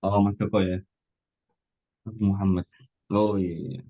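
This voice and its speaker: A man's voice: lowish voice, flat delivery, unhurried, noisy background. A man teaching an Arabic class online, correcting a student's intonation by modelling the phrases for him. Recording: dull lo-fi sound.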